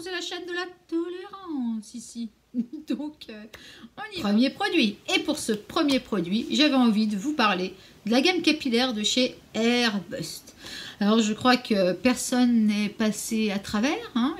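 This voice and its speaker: A beauty vlogger talks a little slowly in a slightly high, animated voice. Filming an anti-haul at home, she's frank, opinionated and a bit sarcastic, occasionally turning to coo at her cat.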